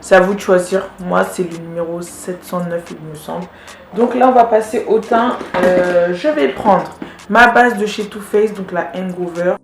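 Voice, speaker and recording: A woman's voice: fairly low pitch, moderate pace, vocal fry, a little hiss or hum. Woman vlogger rambling thru her makeup, lots of ums, roomy echo. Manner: chatty, many fillers, talks while doing makeup. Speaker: beauty vlogger. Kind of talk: casual get-ready-with-me makeup narration.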